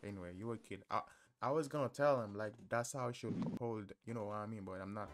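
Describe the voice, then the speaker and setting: A man's voice: on the low side, fast talker, over music. A man streaming random video chats, bantering and joking with strangers on a computer mic. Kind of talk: casual chat.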